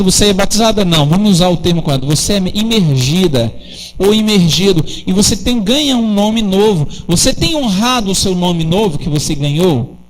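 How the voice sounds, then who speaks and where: A man preaching a sermon, explaining scripture slowly with rhetorical questions. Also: high-pitched, poor audio. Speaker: rabbi preaching.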